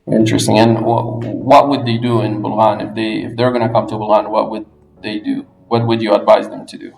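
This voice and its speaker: A man from the United States hosting an interview, asking questions in clear, explanatory steps. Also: lowish voice, flat delivery, fairly quick, a little mellow. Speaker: interviewer, English language fellow. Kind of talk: podcast interview. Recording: echoey room, music underneath.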